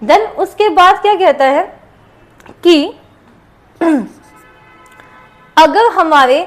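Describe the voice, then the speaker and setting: Slow, high-voiced Indian woman teaching. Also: faint music behind. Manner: slow, deliberate, repeats examples aloud. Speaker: shorthand teacher. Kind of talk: explaining a lesson step by step.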